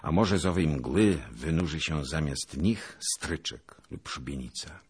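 A man reading a historical novel as an expressive, theatrical audiobook narrator. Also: very deep voice, measured pace, slightly rough.

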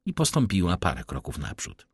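Male audiobook narrator, very deep voice, animated melodic reading, dry close recording. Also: brisk, husky, no room sound. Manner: expressive, varied reading. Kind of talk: classic novel audiobook narration.

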